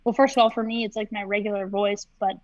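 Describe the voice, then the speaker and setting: A young woman, a voice actress, chatting casually on a livestream and telling animated stories. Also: medium pitch, quick pace, dry recording, highs cut off. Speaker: voice actress, co-host.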